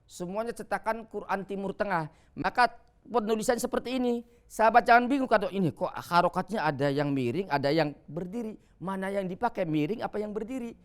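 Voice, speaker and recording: Male Quran teacher on TV, smooth clear voice, patient explainer. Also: sits high, animated. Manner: explains patiently, chants Arabic verses slowly. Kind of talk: televised Quran reading lesson. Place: TV studio.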